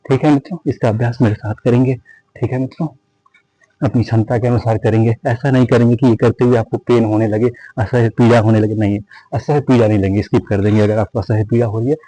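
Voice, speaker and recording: A man's voice: medium pitch, warm tone, no room sound, low-quality recording. A man teaching yoga, counting breaths and reassuring his viewers to go easy and rest when tired. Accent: Hindi. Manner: addresses viewers as friends repeatedly, counts breaths; reassuring, tells listeners to rest and not strain. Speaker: yoga instructor. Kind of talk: guided yoga class instruction.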